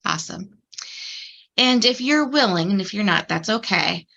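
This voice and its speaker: A woman's voice: medium pitch, animated, moderate pace, creaky, fairly bright tone, highs cut off. A woman hosting a podcast interview, friendly and encouraging as she introduces and questions her guest. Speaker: podcast host.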